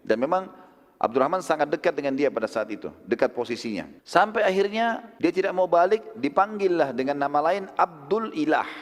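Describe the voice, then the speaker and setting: A male preacher telling a religious story in a lively way, acting out the characters as he goes. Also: a little high, a little fast. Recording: long hall reverb.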